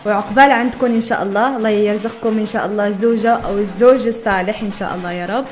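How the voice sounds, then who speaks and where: A woman's voice: medium pitch, steady tone, rapid-fire, soft background music. A young woman from Morocco giving casual reaction commentary, chatty, often laughing and exclaiming in wonder. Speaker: reaction video host.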